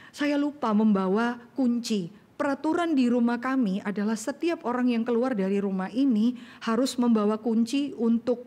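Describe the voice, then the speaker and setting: Woman, middle-aged, lively sermon delivery, fairly high voice. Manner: animated, acts out voices in colloquial Jakarta slang. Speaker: preacher.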